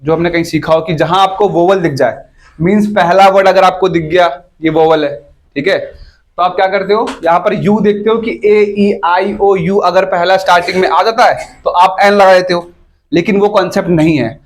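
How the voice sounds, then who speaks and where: Speaking at normal speed with a high pitch and fairly even intonation, a man leads an English grammar class. He builds the explanation step by step, checks often that everyone is following, and repeats what he has said.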